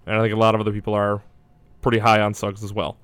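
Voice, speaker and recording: Casual male sports analyst, low and flat delivery, clean dry sound, works out his thoughts as he speaks. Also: quick pace, smooth, no echo. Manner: hedging, thinking aloud. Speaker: basketball draft analyst.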